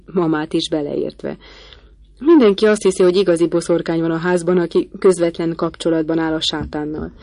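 A woman's voice: lowish voice, a little mellow, no echo, natural voice. A woman voicing a haughty, proud young noblewoman in an audiobook, cool and disdainful.

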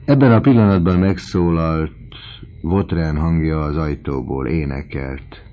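A man narrating a classic novel in a measured, scripted reading. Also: a bass voice, lo-fi sound, slight background noise. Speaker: audiobook narrator.

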